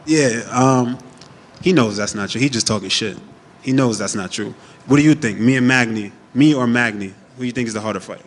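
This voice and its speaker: The clip captures an MMA fighter in his thirties, raised in Jamaica, giving casual, self-assured, trash-talking answers at a media day. His medium-pitched voice moves a little fast and has a big-room sound.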